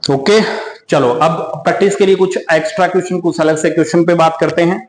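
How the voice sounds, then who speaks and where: In a coaching classroom with an echoey, roomy sound, a maths teacher leads a class step by step, addressing students as "beta." His slightly high voice keeps a fairly even intonation, slowing when he reads English problem text aloud.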